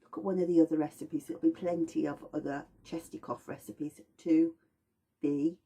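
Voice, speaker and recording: Woman as a gentle teacher, husky and low-pitched, rambling warmly. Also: steady tone, moderate pace. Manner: gentle, rambling, personifies plants. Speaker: aromatherapy teacher. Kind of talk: informal lesson.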